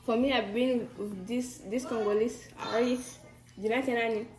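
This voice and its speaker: Playful young woman, slightly high voice. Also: steady tone, normal speed, music in the background. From Malawi. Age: 20s. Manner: playful, joking, laughing at her own claims. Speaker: mukbang co-host. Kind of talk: casual chat while eating. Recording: roomy echo.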